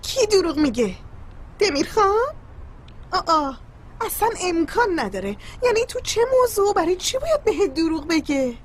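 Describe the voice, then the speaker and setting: A caring, bossy young friend in a dubbed drama. She coaxes and teases in a very high voice that swings widely in pitch. Faint room noise sits behind her. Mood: concerned. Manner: coaxing, teasing, lively.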